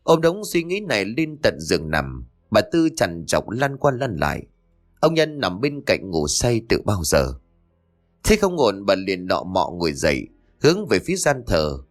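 A man's voice: lowish voice, huge pitch swings, measured pace, faint music behind. A man narrating a scripted horror story in a dramatic, suspenseful way.

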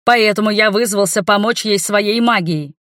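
Brief: young male hero of a fantasy audiobook, read by a woman, protective and quick to anger. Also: mid-range voice, a bit bright, no echo, clean studio sound, pitched above the performer's own voice, natural voice. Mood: angry. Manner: agitated and emphatic. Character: young male mage student, hot-tempered and protective.

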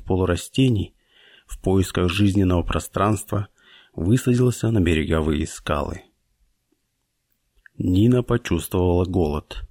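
A man reading a science fiction audiobook in a measured, unhurried narration. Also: on the low side, darkish tone, dry recording, studio quality. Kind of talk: scripted narration.

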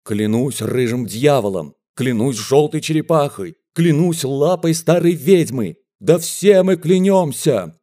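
A man's voice: mid-range voice, very animated, unhurried, dark tone. A man voicing a wiry male bandit in his thirties with a ringing tenor voice, making a fiery, oath-swearing speech in an audiobook. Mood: shouting. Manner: fiery, chest-thumping oaths.

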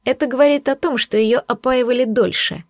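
A defiant young maid with a sharp, mocking tongue, as a woman reading an audiobook puts her on. Her voice sits higher and scoffs at everything. The recording is dry and close. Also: brisk, no room sound, lightly acted. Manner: mocking, scoffing, raised pitch.

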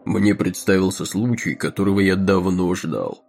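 An actor playing a smug, scheming male railroad executive who speaks in a crisp, monotone, self-assured way. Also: sits low, moderate pace, faint music behind.

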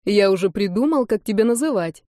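A woman's voice: mid-range voice, brisk, no room sound, clean studio sound, lightly acted. Woman reading a teasing young fiancé. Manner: playful, calm teasing. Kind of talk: audiobook character reading.

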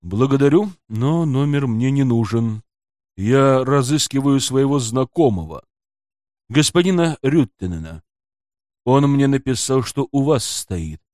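A man's voice: mid-range voice, lively intonation, unhurried, a little mellow, no echo, studio quality, natural voice. A man voicing an anxious middle-aged detective who talks in a fussy, wheedling, melodramatic way in an audiobook. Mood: polite. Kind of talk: audiobook character voice.

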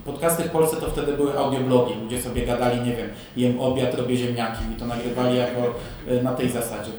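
An easygoing man podcaster rambles through a relaxed panel chat. His voice carries across a very echoey room to a distant recorder, with faint hiss behind it. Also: mid-range voice, fast.

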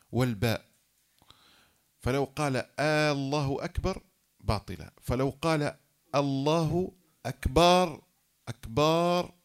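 A man giving a classroom lecture, explaining rules one by one and repeating key phrases. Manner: acts out example phrases, then drops low to rule them invalid.

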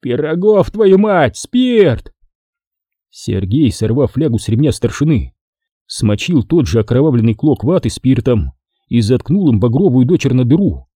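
A male narrator reads a war story with dramatic, expressive delivery. His voice is very dark and husky, and his pitch moves a lot. The recording is dry and close, with no room sound. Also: moderate pace, dry recording. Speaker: audiobook narrator. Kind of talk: scripted narration.

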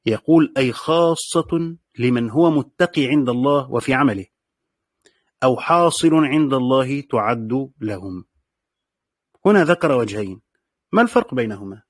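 A man with an Egyptian accent teaching a classical text, repeating key phrases, reading quotations slowly and checking with the class through short questions. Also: medium pitch, animated, no echo, clean studio sound. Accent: Egyptian Arabic. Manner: reads quoted passages slowly.

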